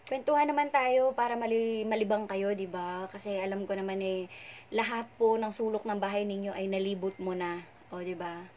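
A woman's voice: mid-range voice, darkish tone, slight background noise. A young woman hosts a casual live stream from home, chatting playfully and reading out viewers' names and greetings. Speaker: radio host doing a live stream.

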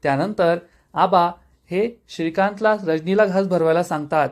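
A man narrating a scripted episode recap of a TV serial, steady storytelling that reads out every quote plainly. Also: sits high, normal speed.

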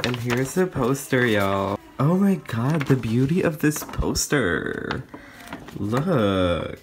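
A young man chats his way through an unboxing, gushing and squealing at every reveal. His voice leaps up and down constantly, and he takes his time with the words. A faint hiss sits under the recording. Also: mid-range voice. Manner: gushing, excitable, squeals often. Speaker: vlogger. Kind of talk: casual unboxing chat.

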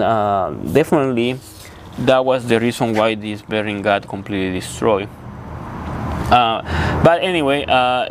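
A young man and truck mechanic explaining a repair in a hands-on walkthrough, halting with many fillers and restarts. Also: mid-range voice, a little hiss or hum. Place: indoor truck repair shop.

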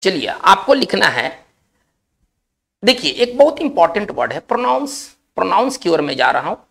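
Lively gravelly-voiced male teacher. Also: high-pitched. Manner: explains slowly in Hindi, often checks with "isn't it?". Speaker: English vocabulary teacher. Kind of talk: recorded spelling and vocabulary lesson.

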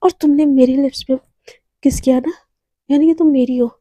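A woman's voice: high voice, steady tone, fast talker, warm tone, no echo, clean studio sound, natural voice. A woman voicing a tough, jealous young woman in a romance story, speaking in a cold, accusing way. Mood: intense.

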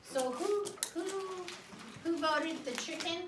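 Reading a picture book aloud to schoolchildren, a middle-aged guest storyteller stretches out words expressively and pauses to ask them questions. Her voice is very high and slow. It was recorded indoors in the classroom by a distant phone or camera, giving roomy audio and a noisy class.

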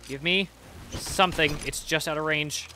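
A young man streaming a video game, excitably talking to himself as he plays. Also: fairly high pitch, normal speed, a little hiss or hum. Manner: excitable, talks to himself while playing. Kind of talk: live gameplay commentary.

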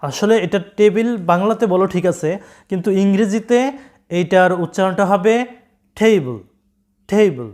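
A man with a Bengali accent gives an online English pronunciation lesson. His voice sits high for a man. He talks straight to his viewers and repeats each word slowly, one at a time. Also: darkish tone.

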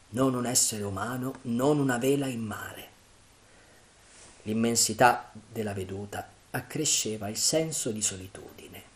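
Male narrator, dramatic adventure reading, animated pitch. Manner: measured, dramatic storytelling. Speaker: audiobook narrator. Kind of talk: scripted narration.

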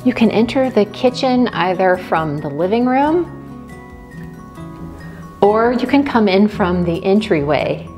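A woman narrates a tour of her house in a relaxed, homey manner, pointing out each room. Her pitch sits in a middle range. Faint music plays softly under her voice. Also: a little slow, long pauses. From Texas. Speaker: home vlogger. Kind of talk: home tour voice-over narration.

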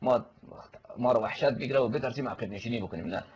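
A male cleric giving a forceful, polemical religious lecture, answering a questioner and quoting Arabic scripture. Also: medium pitch, slightly rough, highs cut off.

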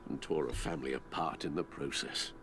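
Gravelly, grave old confidant. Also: male voice, very deep voice, brisk. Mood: grave, resolute. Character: elderly loyal male confidant, grave and mournful. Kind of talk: dramatic video game acting. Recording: game audio with clear background noise.

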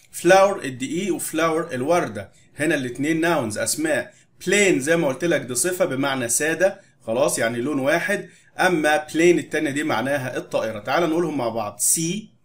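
A young adult man with an Egyptian Arabic accent, explaining English vocabulary in a casual register and drilling words slowly and loudly for children to repeat. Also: fairly high pitch. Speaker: English teacher. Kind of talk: recorded vocabulary lesson for primary pupils.

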